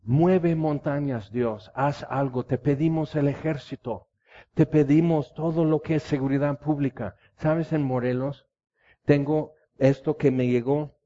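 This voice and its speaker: Male preacher, impassioned storytelling, mellow tone, lo-fi recording. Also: a little high, level tone, measured pace. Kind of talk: sermon. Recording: dull lo-fi recording.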